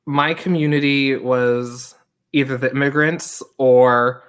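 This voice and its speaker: A man who grew up on Long Island talks as a podcast guest in easy, casual chat. He is chatty, dropping quick asides as he goes. His voice has an ordinary pitch for a man. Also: steady tone, a bit bright, smooth. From Long Island, New York.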